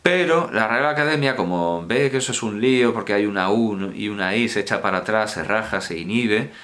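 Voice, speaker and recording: A man's voice: lowish voice, brisk, a bit bright. A man giving an informal university lecture, digressive and colloquial, correcting himself and repeating key words.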